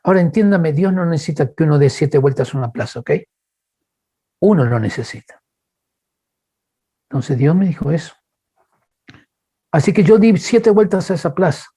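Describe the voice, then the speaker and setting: Man, Chilean accent, sermon with storytelling, animated, jumps in pitch for quotes. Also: normal speed, pauses often, husky. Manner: addresses listeners as brothers, asks okay. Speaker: guest speaker. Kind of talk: preaching with personal storytelling. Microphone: webinar microphone.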